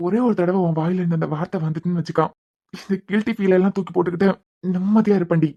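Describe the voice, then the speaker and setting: A man's voice: high voice, fairly even intonation, gravelly, dark tone. A man voicing a lovesick young husband in a cartoon series, brooding to himself with a Kanyakumari accent. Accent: Kanyakumari Tamil. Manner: brooding inner monologue, fast. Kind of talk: cartoon web series voice acting. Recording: dull lo-fi recording.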